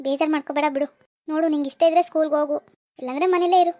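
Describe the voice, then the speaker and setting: A performer doing a gentle but firm cartoon village mother. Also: high voice, fairly even intonation, rapid-fire, no room sound, lightly acted. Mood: soothing. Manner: soothing, coaxing, practical. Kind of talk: Kannada cartoon voice acting.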